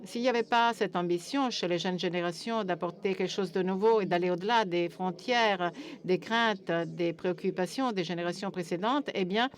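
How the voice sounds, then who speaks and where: Female interpreter, voice a little on the low side, relaying a panel speaker's remarks live. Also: normal speed.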